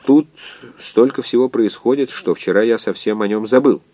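A man's voice: on the low side, moderate pace, mellow, no room sound, muffled recording, close to an everyday voice. A man voicing an earnest male cyberneticist who complains and wonders aloud. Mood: curious. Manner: complaining, slightly raised.

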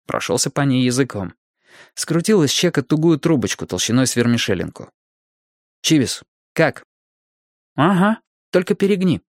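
A man's voice: mid-range voice, a little mellow, dry recording, studio quality. A man reading a story aloud as a narrator, animating each character's lines. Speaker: audiobook narrator. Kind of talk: scripted narration.

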